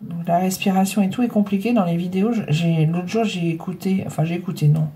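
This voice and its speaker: A middle-aged woman with a cold talks fast in a lowish, mellow voice with fairly even intonation, her nose blocked and her breathing heavy. She's a scrapbooking vlogger in her home craft room, rambling casually to viewers about her scrapbooking, hesitant and full of fillers and restarts.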